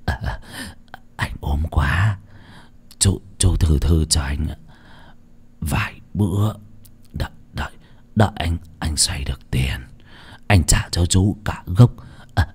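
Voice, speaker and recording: A man voicing a sick, cowardly older male gambler who whines in a breathy, stammering half-whisper. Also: medium pitch, very animated, measured pace, long pauses, full character voice. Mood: whining. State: ill, panting.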